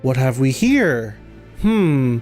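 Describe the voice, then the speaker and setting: A man's voice: a little high, normal speed, darkish tone, faint music behind. A man streaming a game, reading its dialogue aloud, tripping over fantasy names and laughing often.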